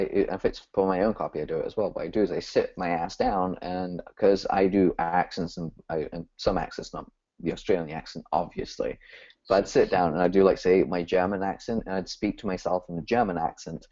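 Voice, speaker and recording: Deep-voiced man, animated interview guest. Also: muffled recording. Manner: animated, swings into voices when quoting. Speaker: copywriter guest. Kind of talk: casual interview chat.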